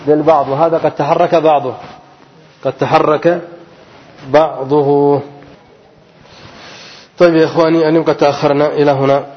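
A fairly high-voiced man teaches grammar to a class, firing questions at the room and answering them himself. His voice carries a long reverb from a large hall. The recording sounds dull and lo-fi. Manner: asks the class questions and repeats the key answer; stretches out example words slowly. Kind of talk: classroom grammar lesson with call-and-response questions.

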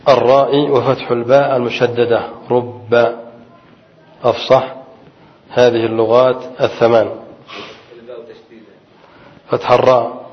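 Man teaching grammar on a muffled recording. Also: medium pitch. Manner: asks the class questions and answers them himself; repeats key phrases slowly for emphasis. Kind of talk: classical grammar lesson.

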